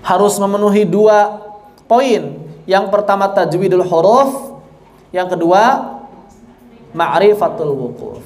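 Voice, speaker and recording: A man teaching an online tajwid lesson, explaining slowly and deliberately with repetition. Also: high voice, darkish tone. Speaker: Quran recitation teacher.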